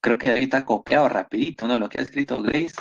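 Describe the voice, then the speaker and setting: A man's voice: medium pitch, fast talker, creaky, dull audio. A man with a Peruvian Spanish accent teaching an online biology class, going over exam questions and praising his students often. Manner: encouraging, repeats praise often.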